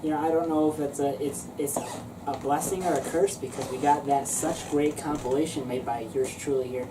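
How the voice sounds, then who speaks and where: A woman's voice: deep voice, steady tone, brisk. A woman co-reviewing a film in casual chat, hesitant, with stammering restarts. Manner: hesitant, stammering restarts, then jokey outbursts. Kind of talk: casual comedic movie review. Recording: distant mic with noisy background.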